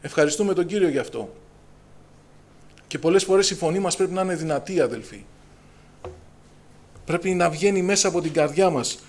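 Fervent high-voiced male preacher. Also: pauses often, darkish tone. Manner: fervent, preacher's call-and-response, raises voice on scripture. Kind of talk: Pentecostal sermon.

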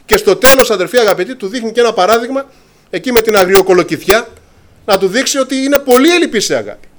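A man's voice: sits high, animated, slight background noise. A man preaching a sermon to his congregation, impassioned, often calling them brothers and acting out scripture dialogue.

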